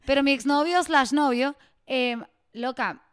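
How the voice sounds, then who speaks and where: A young woman with a Puerto Rican accent, telling lively stories as a co-host in casual chat. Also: high voice, measured pace. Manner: animated storyteller, laughs often. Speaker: podcast co-host.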